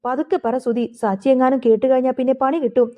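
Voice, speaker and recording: Woman doing a chiding protective young wife, high mellow voice. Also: fairly even intonation, a little fast, close to an everyday voice.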